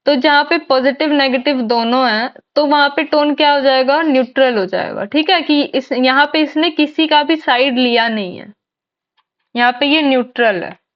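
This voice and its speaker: This English teacher, a woman with a high voice, leads an exam-prep lesson at a moderate pace, and the audio is lo-fi. She walks through the material step by step, posing questions and then answering them herself.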